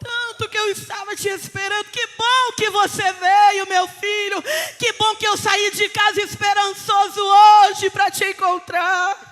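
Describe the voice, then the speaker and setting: A woman preacher voicing an older father who weeps and shouts as he welcomes his son home, in a reverberant church with music behind. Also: very high-pitched, little pitch movement, unhurried, voice pushed up. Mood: tearful joy. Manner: weeping, shouted embrace.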